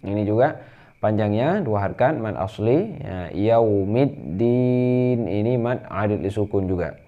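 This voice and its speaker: Unhurried Indonesian man teaching recitation. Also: expressive, phone-quality sound. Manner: explains slowly, then chants verses in a drawn-out higher voice. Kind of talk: tajwid lesson with chanted recitation.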